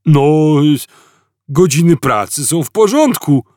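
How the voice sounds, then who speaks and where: A man reading an audiobook, voicing a huge, dim-witted young alien guard who bellows flat stock phrases. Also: a little high, takes it slowly, dry recording, studio quality, pitched above the performer's own voice. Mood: puzzled.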